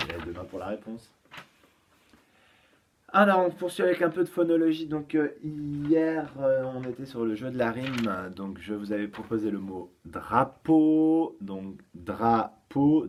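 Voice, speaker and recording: Male teacher, patient and slow, for small children, lots of hesitations. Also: medium pitch. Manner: patient, explains slowly with many fillers. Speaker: kindergarten teacher. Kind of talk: home-schooling lesson for young children.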